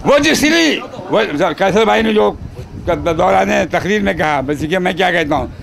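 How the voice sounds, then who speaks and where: A man's voice: high voice, creaky, a bit bright, slight background noise. A man reciting devotional poetry at a shrine gathering, repeating each couplet and chatting with the audience between verses.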